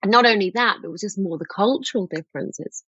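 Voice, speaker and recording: A woman's voice: mid-range voice, a little fast, a bit bright, breathy edge, no room sound. Middle-aged woman guest, storytelling with ums, dull close recording. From England. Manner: chatty, storytelling, frequent ums. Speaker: guest author. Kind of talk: casual podcast interview.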